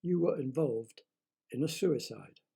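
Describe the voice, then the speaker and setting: A man playing a stony, coolly formal car salesman who speaks deliberately. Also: mid-range voice, vocal fry, dark tone, slightly rough, heavily acted.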